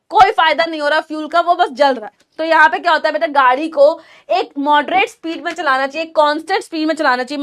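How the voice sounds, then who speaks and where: A woman's voice: high-pitched, fairly bright tone. A young woman teaching an online chemistry class, talking to her students as beta and asking and answering her own questions, with Indian English words mixed in. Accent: Indian English mixed into Hindi. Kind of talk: live online class lecture.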